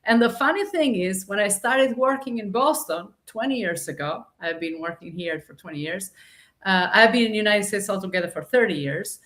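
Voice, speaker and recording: A woman's voice: medium pitch, lively intonation, normal speed, fairly bright tone. Albanian-accented woman doctor, chatty. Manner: chatty storytelling. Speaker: primary care physician guest. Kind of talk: conversational interview.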